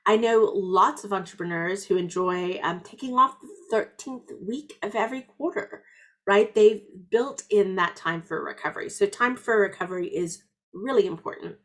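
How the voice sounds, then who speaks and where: A middle-aged woman coaching entrepreneurs in an earnest, encouraging motivational talk. Her pitch sits right in the middle for a woman. She slips in warm, friendly asides as she goes. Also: moderate pace. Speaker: business coach.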